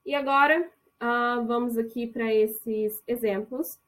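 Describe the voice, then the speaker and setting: Woman from Brazil, online English teacher, higher voice, chatty, checks in often. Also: fairly even intonation, a bit bright. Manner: chatty, checks in with "tá?", slows down to model English phrases. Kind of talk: online language lesson. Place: online course recording.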